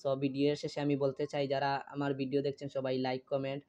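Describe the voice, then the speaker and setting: A man teaching Arabic letters in a slow, patient step-by-step lesson, repeating each letter with small fillers. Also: medium pitch, completely flat delivery, dark tone. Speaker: Quran reading teacher. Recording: dull lo-fi recording.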